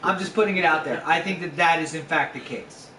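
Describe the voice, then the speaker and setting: A talkative man hosts a casual home podcast, his fairly high voice sounding roomy and a little distant. There is a faint hiss behind him. He teases and argues his points playfully. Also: brisk, pushed and bright. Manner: chatty, playfully argumentative. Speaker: podcast host. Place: home room.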